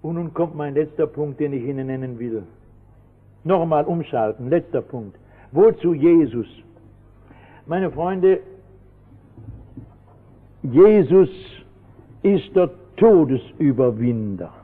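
A high-voiced man with a breathy edge preaches a sermon slowly and expressively, pausing often as he tells his story and swinging from hushed asides to sudden shouts. The audio is a thin, phone-like old radio broadcast, with long church reverb behind every phrase.

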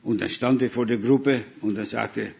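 A man's voice: medium pitch, steady tone, moderate pace, vocal fry, a little mellow, lo-fi sound. Dutch man preaching with anecdotes. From Netherlands. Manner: storytelling, acts out dialogue. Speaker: missionary preacher. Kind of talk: sermon with anecdotes.

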